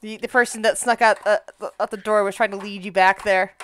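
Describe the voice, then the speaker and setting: A woman's voice: medium pitch, steady tone, a little fast, a bit bright. A woman narrating a casual tabletop game as game master.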